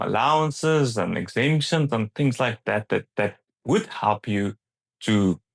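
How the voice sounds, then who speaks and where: A man's voice: fairly low pitch, fairly bright tone, dry recording, rough recording. A man hosting an informal explainer for viewers, speaking in a conversational, plain-spoken, advisory way. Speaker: host of an investing series.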